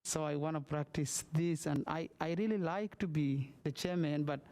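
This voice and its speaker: A man from Somalia, chairing a meeting over a video call in halting, word-searching English. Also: on the high side, a little mellow. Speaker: commission chair.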